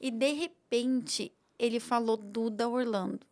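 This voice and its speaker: A Brazilian woman with a Brazilian Portuguese accent, a podcast guest telling her story in an animated, emotional way and quoting her own thoughts aloud. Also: a little high, a little slow.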